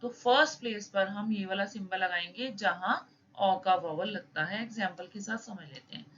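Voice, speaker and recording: A woman teaching a lesson, reading rules slowly and then explaining them casually. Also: mid-range voice, a bit bright. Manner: reads English rules slowly, then explains in mixed Hindi-English. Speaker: shorthand teacher. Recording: slightly dull with faint noise.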